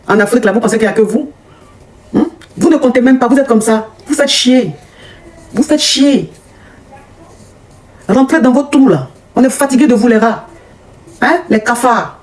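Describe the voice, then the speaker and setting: A middle-aged woman coach ranting at her online critics in a scolding, mocking, repetitive way, her voice jumping up in pitch as she gets heated. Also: a little mellow. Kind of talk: angry rant on a live video.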